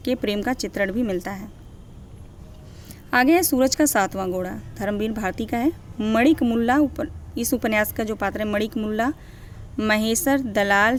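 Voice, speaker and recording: A young woman teaching from her notes in a higher-pitched voice, reading out long lists of names at a steady pace. She keeps checking in with her students and corrects her slips as she goes. A faint hiss sits under her voice. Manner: corrects herself mid-list. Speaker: Hindi literature teacher. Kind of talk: exam-prep lecture.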